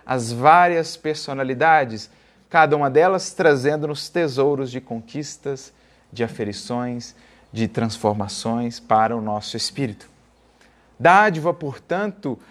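A man giving an earnest religious lecture, reading a text aloud and explaining it line by line. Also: mid-range voice. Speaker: spiritist lecturer.

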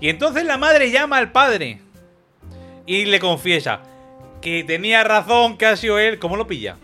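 A man's voice: sits high, normal speed, faint music behind. Laughing man retelling a film. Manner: animated storyteller, laughs often, acts out lines. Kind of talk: casual podcast chat retelling a film.

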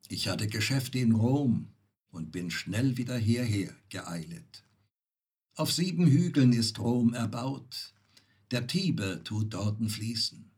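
A man voicing a weary, mocking knight back from his travels, recited slowly and dryly as poetry. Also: mid-range voice, slightly rough. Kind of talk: poetry reading.

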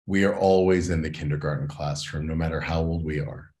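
A man's voice: rumbling low, fairly even intonation, a little fast, a little mellow. A man talking as an educator and consultant in an interview, earnest and reflective, often checking in with "right?". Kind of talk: interview conversation.

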